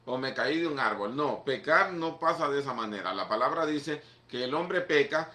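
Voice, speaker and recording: Pastor hispano predicando en sala con eco. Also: male voice, medium pitch, lively intonation, normal speed, pushed and bright, roomy sound. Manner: conversational, emphatic preaching with repeated "mira" and "¿ok?". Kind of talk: sermon.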